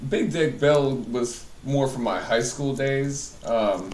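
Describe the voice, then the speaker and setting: A man's voice: medium pitch, slow pace, a little mellow. Echoey, distant man joking crudely. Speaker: interview guest in a mock celebrity interview. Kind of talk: improvised comic interview banter. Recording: echoey room, distant mic, background noise.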